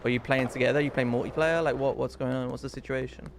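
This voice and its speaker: Gravelly, blunt male streamer. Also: mid-range voice, fairly even intonation, quick pace, noisy background. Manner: blunt, swears when annoyed. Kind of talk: casual live-stream chat.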